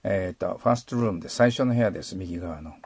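A middle-aged man teaching English pronunciation, modeling sounds and slowly repeating phrases. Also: low voice, creaky, a little mellow, slightly rough, no room sound. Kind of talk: explaining pronunciation in a lesson.

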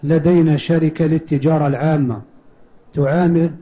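A man's voice: fairly high pitch, steady tone, normal speed. A man in a mosque reading the submitted questions aloud to a scholar in a plain, formulaic way. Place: large mosque. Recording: dull lo-fi mosque recording.

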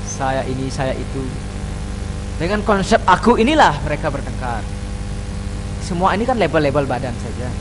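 A man in his thirties speaking on a panel in a small room into a desk microphone, earnestly explaining religious teaching and chanting scripture verses slowly. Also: on the high side, noisy background. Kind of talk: religious discussion talk. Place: small indoor room at a table. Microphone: desk microphone on stand.

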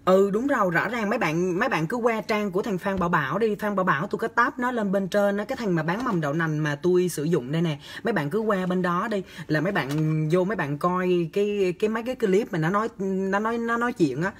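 A man's voice: high voice, quick pace, few pauses, slightly rough. A young man, chatting on a livestream and answering comments in a campy, teasing way. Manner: chatty, campy and teasing, with lively exaggerated gestures. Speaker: livestream host. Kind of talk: casual livestream chat reading comments. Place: small indoor room. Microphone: phone camera at arm's length.

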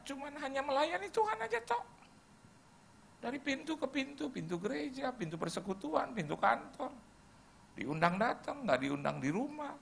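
A man's voice: extremely high pitch, gravelly, slight background noise. A middle-aged man preaching a sermon, telling stories and acting out little conversations. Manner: lively storytelling, acting out dialogue. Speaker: pastor. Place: church hall.

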